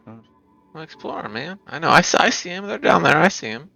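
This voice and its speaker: A man playing a video game in casual chat, tired from an early start, excitable, with mumbled asides and sudden bright outbursts. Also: a little high, a little fast, creaky, soft background music. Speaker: gamer playing. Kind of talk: casual let's play chat.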